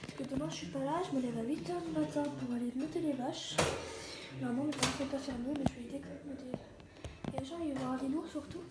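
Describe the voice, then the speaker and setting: Rambling hoarse woman vlogger, high voice, roomy noisy home recording. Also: quick pace. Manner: rambling, chatty, slangy. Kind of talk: casual vlog chat.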